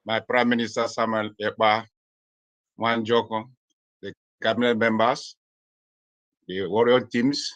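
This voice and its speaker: A man's voice: lowish voice, fairly even intonation, unhurried, long pauses, a bit bright, no room sound. A man giving a formal, slightly rambling welcome to visiting guests. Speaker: community member welcoming guests. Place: Vienna, Austria.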